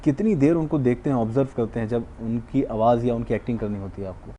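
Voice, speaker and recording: A man's voice: mid-range voice, fast, warm tone, slight background noise. A man interviewing a comedian, attentive, giving short prompts. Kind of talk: casual interview.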